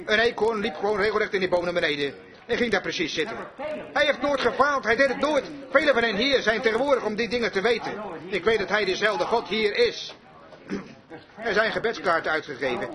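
A man with a high-pitched voice preaches a fervent revival sermon, circling back to the same phrases again and again. He speaks straight to his listeners, and the sound of a gathered congregation carries behind him. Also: animated, brisk, crowd noise. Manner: fervent, repetitive, addresses congregation directly.

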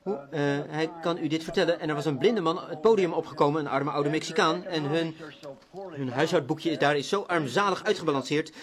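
A middle-aged man preaching a sermon as a story, swinging from hushed tones to loud cries. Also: on the high side, a little fast, crowd noise.

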